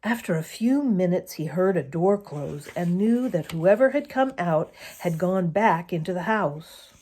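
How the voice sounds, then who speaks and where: A woman with a lowish voice reads a children's story aloud, telling it expressively and deliberately with varied emphasis.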